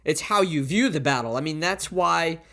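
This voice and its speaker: A man with a high-pitched voice preaches into a pulpit microphone. He talks in a plain, conversational way, tossing in rhetorical questions and repeating his warnings for emphasis. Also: expressive, normal speed, fairly bright tone. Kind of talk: sermon.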